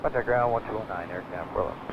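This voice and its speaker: A man's voice: fairly low pitch, racing, creaky. Male pilot on a cockpit headset radio. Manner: clipped, terse readbacks. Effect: pilot's cockpit headset heard over aviation radio. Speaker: airline pilot. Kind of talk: radio readback to the control tower. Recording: muffled radio transmission with static.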